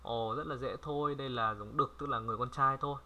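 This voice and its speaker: Bright-voiced man tutoring casually. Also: medium pitch, fairly even intonation, muffled recording, a little hiss or hum. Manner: chatty, repeats words slowly for viewers to copy. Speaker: French language tutor. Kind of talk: casual screen-recorded lesson.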